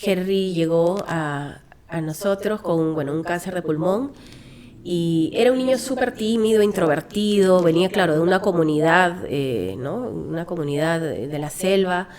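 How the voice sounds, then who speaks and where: A woman's voice: on the low side, moderate pace, a crowd in the background. A Peruvian woman, a hospice founder, speaking in an earnest, reflective way and telling a story in an interview, with frequent fillers and restarts. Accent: Peruvian Spanish. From Peru. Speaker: guest, founder of a children's hospice.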